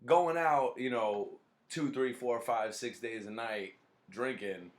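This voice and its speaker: A man's voice: medium pitch, slow pace. A man hosting a casual podcast, talking bluntly and swearing a lot. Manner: profane, blunt and animated. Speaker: podcast host.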